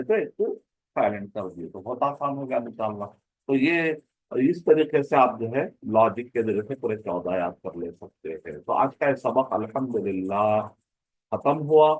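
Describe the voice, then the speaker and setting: A man's voice: mid-range voice, expressive, measured pace, no echo, low-quality recording. Man teaching a grammar class. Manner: explanatory, repeats and asks rhetorical questions. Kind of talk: online class lecture.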